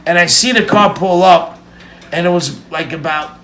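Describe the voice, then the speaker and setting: A man's voice: a little high, moderate pace, a little hiss or hum, rough recording. A man telling a casual story-time tale, full of swearing and quoted back-and-forth dialogue. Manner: profane, lively retelling with quoted dialogue. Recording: music playing in background.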